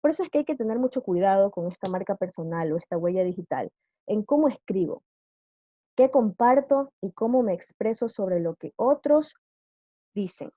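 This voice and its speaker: A woman's voice: medium pitch, expressive, a little fast, dry recording, dull audio. A woman teacher giving a live online class, patiently quizzing her students with questions.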